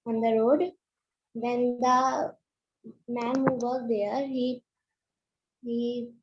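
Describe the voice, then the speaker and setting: A hesitant woman speaks slowly and breathily with a rather high, flat voice. Her volume keeps dropping in and out over a dull, lo-fi online call. She halts often with fillers and broken grammar. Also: husky. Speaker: student. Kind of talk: halting spoken retelling in an online class. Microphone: online call, computer mic.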